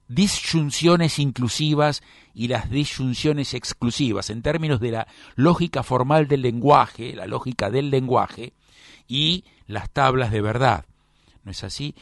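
A man's voice: mid-range voice, dry recording, studio quality. A man teaching a lecture, often checking with his class.

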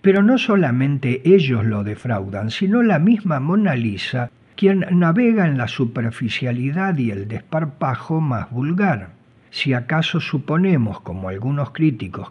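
A man's voice: mid-range voice, breathy edge. A man presenting a short story with scripted literary commentary in an explanatory tone. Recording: dull lo-fi recording.

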